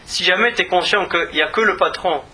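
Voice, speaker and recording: Male rabbi type, earnest teaching voice, very bright timbre, broadcast feel. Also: high voice, brisk, breathy edge. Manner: earnest, repeats words when searching. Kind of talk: religious lesson.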